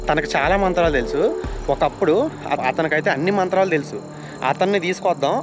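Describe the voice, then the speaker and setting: A man vlogging a ghost hunt in a forest, talking straight to his viewers and shouting when startled. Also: a little high. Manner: addresses viewers as "guys", shouts and yells when scared. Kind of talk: excitable horror vlog narration. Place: outdoors in a forest. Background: background music, crickets.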